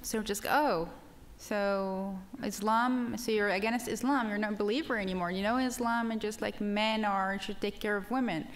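Animated woman panelist. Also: medium pitch, moderate pace. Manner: animated, quoting others' reactions. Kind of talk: panel discussion answer.

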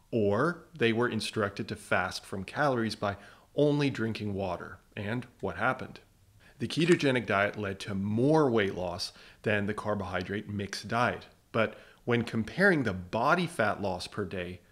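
Male science explainer, lower pitch, punchy rhetorical delivery. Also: fairly bright tone. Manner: emphatic, rhetorical questions. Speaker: science educator. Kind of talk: scripted explainer narration.

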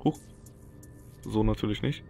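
A man's voice: on the low side, a little slow, creaky, background noise. A man giving casual gameplay commentary as a let's player. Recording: game music and effects behind. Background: video game music and action sounds.

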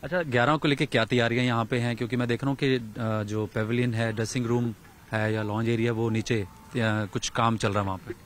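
Working on location in a large empty cricket stadium, this male sports journalist reports and interviews outdoors with a handheld mic. His mid-range voice moves fairly quickly with fairly even intonation, and there's slight background noise.

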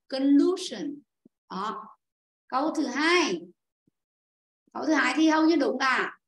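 High-voiced woman teacher in an echoey room. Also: a bit bright. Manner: patient, explains step by step and calls on pupils. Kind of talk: online class teaching. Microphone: video call.

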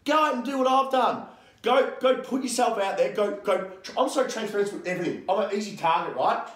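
Speaking on a podcast from an echoey indoor gym, this Australian man in his thirties, a strength coach, is brash and fired-up and swears a lot. He has a high-pitched, fairly bright voice and talks fairly quickly.

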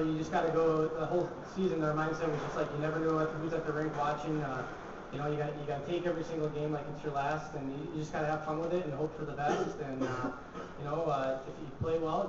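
At a press conference, a young man from a college hockey team answers reporters in a casual manner, with plenty of fillers. His voice is a little high and level in tone, and he speaks fast. Recorded by a distant table mic in a large echoey press room, the sound is echoey, dull, distant and noisy.

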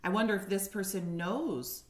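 With a medium pitch and moderate pace, a kindergarten teacher around her forties reads a picture book expressively. She asks young listeners questions from her living room, and the webcam audio has a roomy echo.

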